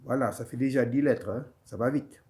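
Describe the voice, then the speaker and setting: A man's voice: mid-range voice, moderate pace, slight background noise. A man teaching an online lesson, patient and encouraging, repeating each sound several times for his students. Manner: encouraging, gently reassuring. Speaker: Quran recitation teacher. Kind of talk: slow step-by-step online lesson.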